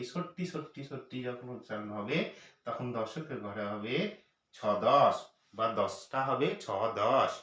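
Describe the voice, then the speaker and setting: A man teaching children's number names as a lesson, speaking patiently and repeating each number slowly. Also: mid-range voice, fairly bright tone. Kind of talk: math lesson for parents and teachers. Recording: echoey room, voice from far off.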